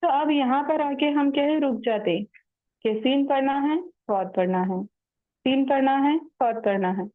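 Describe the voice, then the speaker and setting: A woman teaching Quran recitation in an online class, patiently explaining rules step by step and chanting the verses slowly. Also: high voice, dry recording. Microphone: online call audio. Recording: tinny phone-like line, dry.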